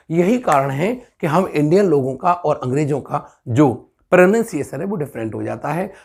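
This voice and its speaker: A man with an Indian accent giving a spoken English grammar lesson, explaining step by step and repeating example sentences slowly. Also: on the high side. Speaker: English teacher.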